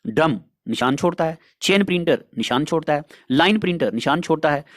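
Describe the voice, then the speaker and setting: Chatty male teacher with a high voice. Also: expressive, a little fast, no room sound, studio quality. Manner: chatty, addresses students as dear children, asks and answers own questions. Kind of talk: exam prep lecture.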